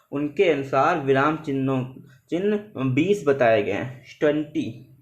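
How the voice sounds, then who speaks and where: A man's voice: on the high side, highs cut off. A man teaching an online Hindi grammar class with an Indian accent, explaining step by step and repeating key words, mixing in English words.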